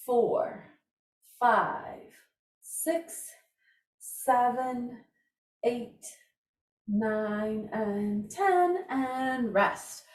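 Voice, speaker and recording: In a roomy, echoing recording from a distant mic, a woman instructor cheers on her exercise class with informal cues, casual chatter and counting. Her voice is a little high, with a darkish tone.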